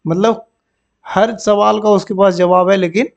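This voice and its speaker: Gravelly high-voiced man teaching vocabulary. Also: steady tone. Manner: explains words in Hindi, repeats terms, frequent "ठीक है ना" check-ins; reads example sentences slowly and deliberately. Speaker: English vocabulary teacher for bank exams. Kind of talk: Hindi-English vocabulary lesson.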